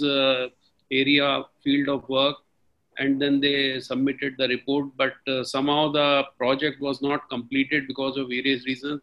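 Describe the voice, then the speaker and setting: A man's voice: a little high, bright, forceful tone, rough recording. A man with a North Indian accent informally explaining his work experience as a seminar participant, a little hesitantly. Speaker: seminar participant from a manufacturing company. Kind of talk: informal spoken account of experience.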